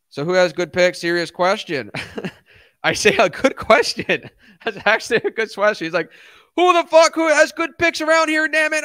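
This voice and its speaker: A middle-aged man, a crypto YouTuber, hosts a casual livestream, ranting and reading and answering chat. His high voice has a sharp tone, and he speaks bluntly and emphatically with slangy asides into a close studio microphone, with no room sound.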